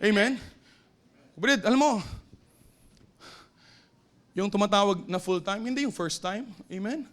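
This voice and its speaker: A male pastor with a Filipino accent, preaching to his congregation. His voice sits very high and sounds bright and forceful. He rises to shouted exhortation, then drops low and quiet to tell a story. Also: a little slow, pauses often. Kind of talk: sermon. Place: church sanctuary.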